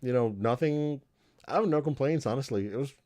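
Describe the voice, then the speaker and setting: A man's voice: medium pitch, brisk, dark tone. A man co-hosting a podcast, chatting casually and enthusiastically about movies, with many restarts and fillers. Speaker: podcast co-host.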